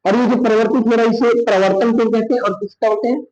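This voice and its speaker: A man's voice: extremely high pitch, steady tone, fast, darkish tone, muffled recording. A man with a Bihari Hindi accent teaching a science lesson, asking questions and answering them himself. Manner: repeats "thik hai" often. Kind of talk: classroom lesson. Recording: echoey room.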